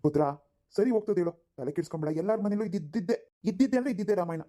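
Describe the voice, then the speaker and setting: A woman voicing a gentle husband who tries to calm his quarreling family in a cartoon. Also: lowish voice, very fast, voice pushed down, lightly acted. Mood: resigned. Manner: placating, hesitant. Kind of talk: cartoon voice acting.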